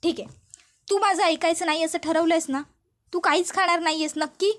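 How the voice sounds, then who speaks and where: A woman voicing a stubborn young man who begs his mother to calm down and eat, in a soap recap. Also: very high voice, fairly quick, pitched above the performer's own voice. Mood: pleading, insistent. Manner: coaxing, pleading, repeats please.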